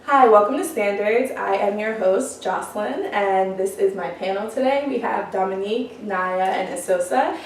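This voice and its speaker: A woman's voice: mid-range voice, moderate pace, few pauses, music in the background. Young woman hosting a casual panel, easygoing and laughing, recorded far off in a very echoey room. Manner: laughs often, loose and chatty. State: sick. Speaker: podcast host. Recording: echoey room, mic far off, faint noise.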